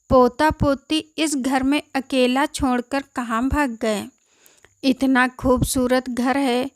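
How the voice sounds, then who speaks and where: A kind-hearted young village thief who talks politely and plainly to an old man, as a woman reading the tale puts him on. The delivery is slow and unhurried. It sounds crisp, close and dry. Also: high-pitched, dry recording.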